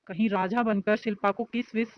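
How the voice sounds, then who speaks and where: A woman's voice: mid-range voice, fairly even intonation, moderate pace, lo-fi sound, lightly acted. A woman voicing a teasing young college guy. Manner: joking, nosy banter.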